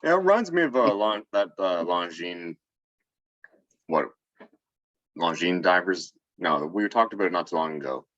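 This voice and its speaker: A low-voiced man whose pitch swings lively as he cracks goofy jokes in casual chat. The sound is a bit dull and muffled. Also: moderate pace, pauses often, no room sound. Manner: goofy, jokey, playful banter. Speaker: podcast co-host.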